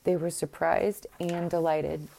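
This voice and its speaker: A woman reads a fairy tale aloud in a low, mellow voice. Her telling is measured and steady, with an occasional small restart. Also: vocal fry. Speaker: narrator. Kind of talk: scripted narration of a fairy tale.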